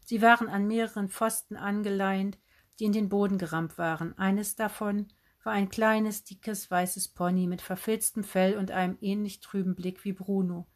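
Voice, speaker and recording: A woman narrating an audiobook in a steady, clear storytelling manner. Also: mid-range voice, normal speed. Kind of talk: scripted narration.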